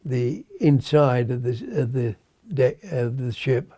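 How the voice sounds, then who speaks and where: A centenarian British man speaks as an old veteran remembering his navy days. His voice is very mellow and dark, and his pace is slow. He halts often, hunting for words and letting phrases trail away, in a dry acoustic. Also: mid-range voice, animated, no room sound. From Britain. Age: 100. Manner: halting, searching for words, trailing off.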